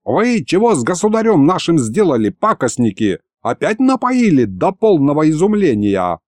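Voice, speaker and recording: Man voicing ancient sorcerer, sly, pompous, gloating, high swooping voice. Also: very animated, moderate pace, a little mellow, dry recording, clean studio sound.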